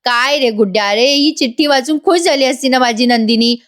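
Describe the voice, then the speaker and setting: A woman's voice: high-pitched, a little fast, lightly acted. A woman voicing a lovesick young man, grumbling at his friend, in a retold serial scene. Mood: exasperated.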